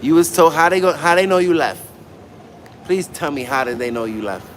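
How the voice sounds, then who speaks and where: A man with a slightly high, lively voice talks a bit fast as he livestreams casually while walking through a public library building. He chats with viewers in blunt, slangy, profane language, and the handheld stream picks up plenty of noise.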